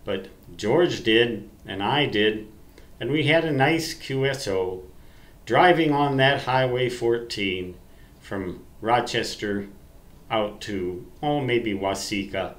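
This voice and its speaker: A man in his sixties, an American amateur radio vlogger, wanders through old memories to the camera in a folksy, halting, self-deprecating way. His medium-pitched voice sounds reverberant, picked up by a webcam mic in a room at home.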